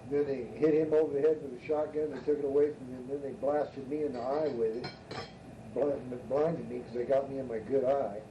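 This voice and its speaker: An older man telling rambling, profane stories from his past in a rough, casual way. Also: medium pitch, fairly even intonation, fairly quick. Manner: rough, profane, drawling delivery. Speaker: storytelling father. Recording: muffled distant tape recording, faint hiss.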